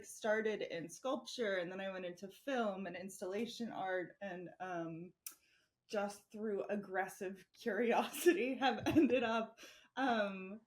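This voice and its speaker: Woman guest, casual chatter, laughs easily, lots of ums, middle pitch. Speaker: guest, scent artist. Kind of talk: podcast interview.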